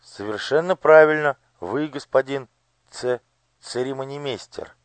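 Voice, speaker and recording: A man's voice: mid-range voice, unhurried, dry recording, voice pushed up, natural voice. A man voicing a fearful young girl disguised as a page, who whispers nervously, stammers and blurts things out.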